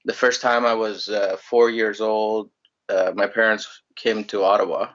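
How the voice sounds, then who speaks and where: A young man from Greece, a musician telling his story in a relaxed, rambling way in a casual interview. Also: on the low side, unhurried, muffled recording. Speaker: musician guest.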